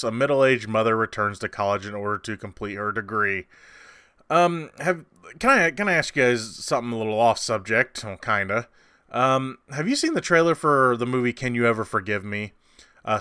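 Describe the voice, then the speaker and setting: Chatty man with a bright, crisp voice. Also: mid-range voice, animated, fairly quick, dry recording, studio quality. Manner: rambling and conversational with many fillers and restarts; sarcastic. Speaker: movie review host. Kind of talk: casual spoken movie review.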